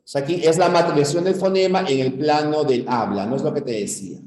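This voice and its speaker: A man from Peru teaching a university-prep lecture, explaining step by step and checking in with the class through quick questions. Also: a little high, a little mellow. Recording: echoey room.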